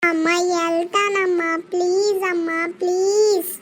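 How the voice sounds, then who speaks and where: A cheeky cartoon boy who vlogs and grumbles about his day, his voice very high and thin. Faint hiss hangs behind him. He rattles on and whines when he wants something. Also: level tone, a little slow. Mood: pleading. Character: cheeky young boy vlogger, lively and complaining. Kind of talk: animated comedy sketch.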